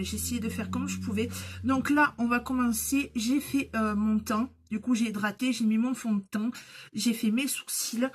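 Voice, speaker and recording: A woman vlogging casually at home while doing her makeup, chatting with many fillers and restarts. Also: on the high side. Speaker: beauty vlogger. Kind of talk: casual get-ready-with-me chat.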